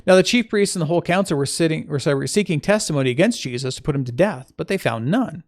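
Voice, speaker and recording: A man's voice: on the high side, animated, fast. A man reading scripture aloud. He stops to correct his own slips and adds informal asides between the verses. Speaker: Bible reader.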